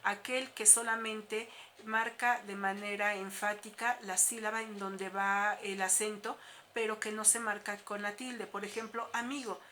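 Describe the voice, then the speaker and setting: A woman teacher walks her students through a lesson, explaining step by step and filling pauses with small "eh" sounds. Her voice is bright and clear at a middle pitch. Faint noise hums under the recording. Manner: explanatory, steady, with frequent "eh" fillers.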